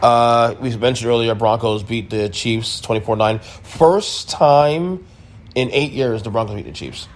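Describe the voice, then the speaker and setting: A man's voice: medium pitch, unhurried, a little hiss or hum. A man hosting a sports podcast, giving a casual, emphatic recap with blunt opinions and repeated points. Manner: emphatic, opinionated, repeats himself, mild swearing.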